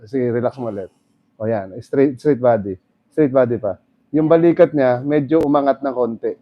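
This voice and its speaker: A man working as a bone setter, calmly coaching a client to relax, breathe in and breathe out. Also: mid-range voice, normal speed, no echo, dull audio. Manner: coaxing, repeats calm instructions. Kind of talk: guiding a client through a massage.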